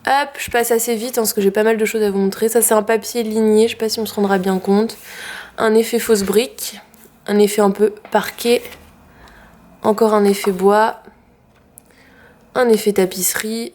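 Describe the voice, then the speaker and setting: A woman's voice: medium pitch, steady tone, moderate pace, pauses often, a little mellow. A woman with a French accent showing her craft purchases in a casual, chatty way with many fillers. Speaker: craft vlogger. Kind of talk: casual haul video.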